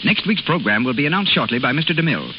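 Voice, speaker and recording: A male radio announcer reading the closing credits in a brisk, formal manner, heard as an old 1930s radio broadcast. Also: fairly high pitch, sing-song, lo-fi sound, noisy background. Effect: old 1930s radio broadcast sound.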